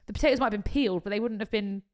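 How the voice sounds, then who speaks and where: A woman's voice: mid-range voice, very fast, darkish tone. A woman in her thirties, co-hosting a podcast as a casual, swearing storyteller who laughs often. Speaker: podcast co-host. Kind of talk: casual chat.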